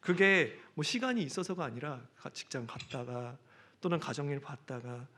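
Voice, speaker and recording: Husky-voiced man preaching with feeling. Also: mid-range voice, expressive, moderate pace. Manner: emotive preaching, swinging from loud declarations to hushed asides. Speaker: pastor. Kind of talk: sermon. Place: church.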